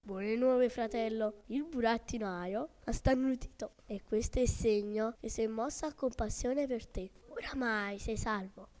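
A woman voicing a male puppet friend in whispered role-play, speaking in a hushed, confiding, reassuring way. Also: a little high, unhurried, few pauses, soft background music, lightly acted.

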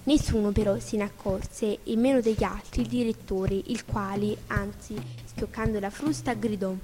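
A woman narrating a classic children's tale in an expressive, measured audiobook reading. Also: mid-range voice. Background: background music.

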